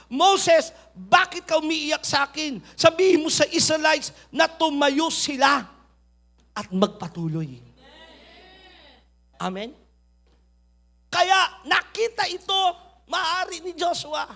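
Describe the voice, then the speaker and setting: A man preaching a sermon, swinging between loud urging and quiet asides. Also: extremely high pitch. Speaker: pastor.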